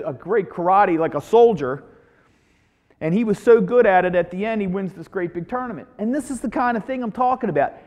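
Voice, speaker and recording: A man teaching a Bible study in an informal sermon, retelling a story in an animated way and often repeating his words. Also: sits high, in a large hall.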